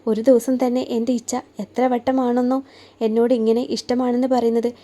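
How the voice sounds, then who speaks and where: A woman storyteller reading a romance story aloud in a soft, gentle way, lightly voicing each character in the dialogue. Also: on the high side, flat delivery, brisk. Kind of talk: scripted narration of a romance story.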